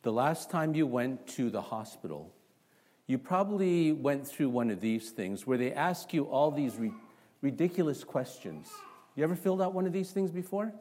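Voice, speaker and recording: A man from Canada preaching a sermon to a congregation in a church, opening with a quiet prayer, then asking the listeners one rhetorical question after another in an animated way. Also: mid-range voice, normal speed. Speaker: pastor.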